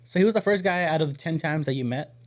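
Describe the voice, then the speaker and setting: A man's voice: on the high side, fast. A man hosting a casual podcast interview, asking eager questions and chiming in with short replies. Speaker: podcast host.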